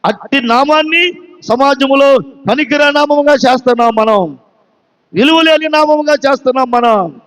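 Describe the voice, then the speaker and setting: Pastor, male, Telugu accent, very high voice, emphatic sermon delivery with rhetorical questions, long hall reverb. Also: normal speed, a bit bright. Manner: emphatic, repeats phrases.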